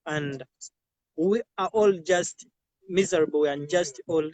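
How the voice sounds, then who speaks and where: A transgender woman gives a halting, pleading testimony as a refugee guest, her voice jumping loud on key words. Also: low-pitched, rough recording. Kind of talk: emotional testimony.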